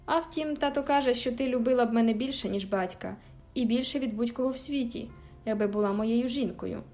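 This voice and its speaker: A woman's voice: on the high side, a little fast, darkish tone, natural voice. A woman voicing a sickly, spoiled teenage boy in an audiobook, whiny, petulant and taunting. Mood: wheedling. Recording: faint background music.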